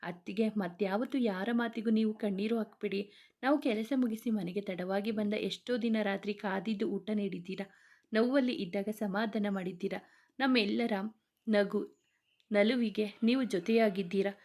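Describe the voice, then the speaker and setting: A woman narrates a romance story, reading each character's dialogue herself in one steady narrating voice. Her tone is mellow and warm. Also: medium pitch, moderate pace.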